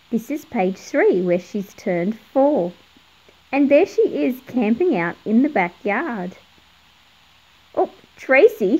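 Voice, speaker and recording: A middle-aged woman reads a picture book aloud for children, explaining things and asking the young viewers questions. Her voice is fairly high and a little mellow, though the audio is poor.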